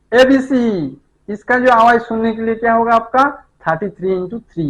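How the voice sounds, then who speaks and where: Middle-aged guy teaching physics, kinda high voice, keeps asking "right?" as he explains. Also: rough recording. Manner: explains step by step, often checks with "है ना?". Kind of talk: classroom lecture.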